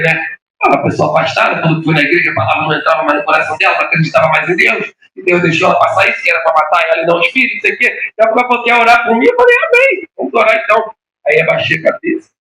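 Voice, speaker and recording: A man's voice: on the high side, far from the mic, a little hiss or hum. Man preaching in an echoey church. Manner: impassioned preaching, voice rising to shouts. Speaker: pastor. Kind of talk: sermon. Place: church hall.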